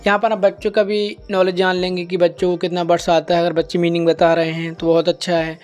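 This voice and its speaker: A man who trains teachers, explaining a lesson plan in Hindi and reading the English lines slowly and deliberately. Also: high-pitched, monotone, darkish tone, clear, resonant tone, faint music behind. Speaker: teacher educator.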